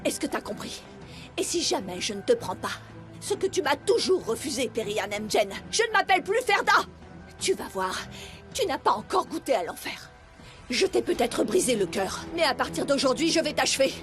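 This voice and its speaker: A woman's voice: sits high, very animated, moderate pace, over music. A woman dubbing a bitter, vengeful middle-aged daughter in a TV drama, speaking intensely and accusingly. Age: 40s. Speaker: dub actress. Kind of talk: French dub of a TV drama.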